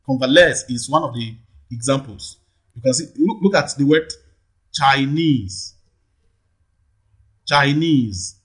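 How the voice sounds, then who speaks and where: A man with a Nigerian English accent teaching an exam-prep lesson, slowly repeating words and checking in with "okay" and "all right". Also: medium pitch, breathy edge. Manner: slow, drawn-out repetition of words, frequent "okay" checks. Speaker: English tutor.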